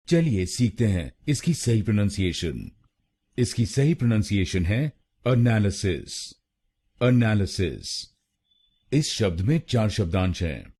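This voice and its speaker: A man giving a slow, scripted pronunciation lesson, breaking words into syllables and repeating them carefully. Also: lowish voice, warm tone, husky. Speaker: pronunciation teacher.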